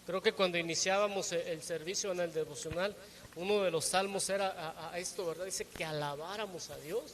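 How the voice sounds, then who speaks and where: A man's voice: sits high, steady tone, brisk, fairly bright tone. A man preaching a sermon to his congregation, teaching with rhetorical questions and often checking in with tag questions.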